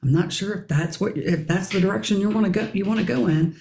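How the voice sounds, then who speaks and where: A middle-aged woman hosting a casual podcast discussion, her raspy voice hoarse as she keeps clearing her throat. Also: medium pitch, fast talker, a little mellow, reverberant. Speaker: podcast host.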